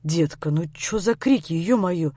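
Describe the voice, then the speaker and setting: A woman's voice: fairly low pitch, lively intonation, unhurried, warm tone, breathy edge, no room sound, clean studio sound, pitched below the performer's own voice. A woman voicing a young man who pleads with and soothes his upset girlfriend. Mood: flustered.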